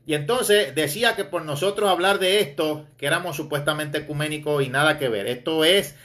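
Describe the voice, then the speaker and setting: A man's voice: a little high, fairly quick, a bit bright. Mocking, chuckling preacher man. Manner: mocking, chuckling, addresses listeners as brother. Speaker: preacher and Bible teacher. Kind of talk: informal online preaching.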